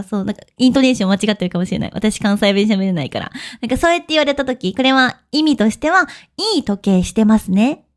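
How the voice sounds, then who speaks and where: Chatty higher-voiced woman teaching. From Japan. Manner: chatty, lively pitch swings, frequent soft laughs. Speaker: online Japanese teacher. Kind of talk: casual podcast lesson.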